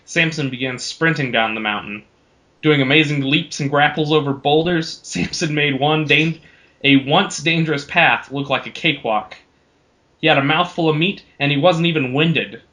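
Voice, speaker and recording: On a podcast, a male host narrates a homemade adventure story in a loose, informal, animated way. His voice sits on the high side and sounds bright and forceful.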